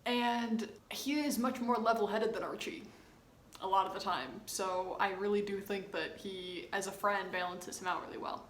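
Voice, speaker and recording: A woman's voice: mid-range voice, fairly even intonation, normal speed, fairly bright tone. Chatty young woman in a roomy room. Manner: chatty, opinionated, bursts into laughter. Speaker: video host reacting to a TV episode. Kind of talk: casual reaction commentary. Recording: roomy room with faint noise.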